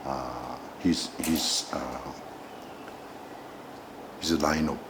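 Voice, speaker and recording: A man from Japan with a Japanese accent, answering formally as an ambassador in an interview, with halting, hesitant phrasing. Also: a bass voice, fairly even intonation, background noise.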